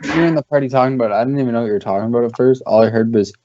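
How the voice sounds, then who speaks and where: A man's voice: medium pitch, very fast, mellow, no room sound. Profane, loose-talking man on a dull stream. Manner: loose, profane, mimics friends. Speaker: podcast host. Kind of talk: casual gaming chat.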